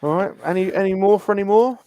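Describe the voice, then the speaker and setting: A man's voice: high voice, fast, mellow, slight background noise. A British man hosting a casual live-stream chat, chatty and laughing often. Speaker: host.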